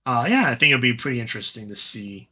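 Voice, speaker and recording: A man with a strikingly bright, forward voice, talking casually as a podcast co-host. His pitch sits in the middle for a man. He rambles in a relaxed way, with lots of fillers and restarts. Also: fast, breathy edge. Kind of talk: casual chat about a tabletop wargame.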